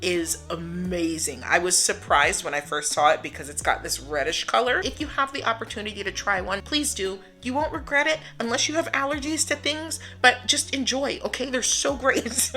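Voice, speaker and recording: A woman's voice: medium pitch, normal speed, few pauses, pushed and bright, faint music behind. A woman from the United States talking casually to camera in a vlog, chatty and upbeat, laughing often. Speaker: vlogger.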